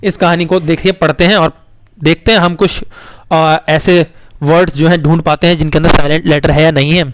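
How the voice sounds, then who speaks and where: A male teacher patiently explaining spelling to young children, coaxing them along and repeating words slowly letter by letter. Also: a little high, fairly even intonation, background noise. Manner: coaxing, addresses children as beta.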